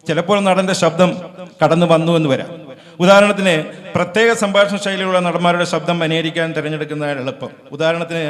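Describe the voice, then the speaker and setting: A man's voice: on the high side, fairly bright tone. A man performing a stage mimicry show, explaining and introducing each impression. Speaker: mimicry artist. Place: community gathering stage. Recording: echoey hall reverb.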